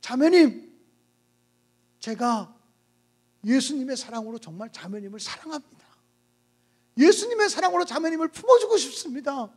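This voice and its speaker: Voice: high voice, expressive, moderate pace, pauses often, voice pushed down. Preacher voicing an earnest, pleading old pastor. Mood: tender. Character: earnest older male pastor pleading in prayer.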